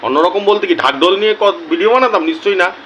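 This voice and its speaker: A man with a slightly raised pitch speaks slowly and deliberately to his channel's viewers, repeating words to drive a point home. His tone is earnest and personal, like a casual talk straight to camera. A faint hiss sits under the voice. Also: pushed and bright, rough recording. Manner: slow and deliberate, repeats key words for emphasis. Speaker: YouTuber addressing his viewers.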